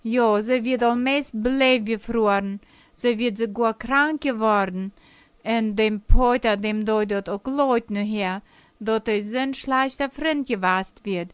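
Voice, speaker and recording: An older woman telling a children's story slowly and gently. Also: fairly high pitch, smooth, dry recording. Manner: slow, gentle storytelling with dialect words.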